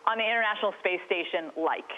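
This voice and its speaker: A woman's voice: mid-range voice, quick pace. A woman working as a TV interviewer, asking questions in a casual conversational style over a phone-like link. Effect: phone or radio link. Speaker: TV weather channel interviewer. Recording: tinny narrow phone-like line.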